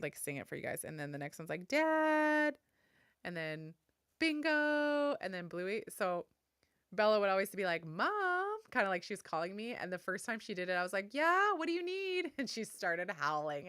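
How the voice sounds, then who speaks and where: A woman, hosting a solo podcast and sharing memories in a soft, heartfelt way, close to the mic. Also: fairly low pitch, no echo. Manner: soft, heartfelt, tender storytelling. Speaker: podcast host.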